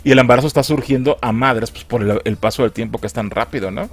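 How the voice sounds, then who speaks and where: A man's voice: mid-range voice, fast, no room sound, soft background music. A young Mexican man recapping and mocking a film in casual, crude slang. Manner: crude, mocking slang, lively put-on character voices. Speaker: film reviewer.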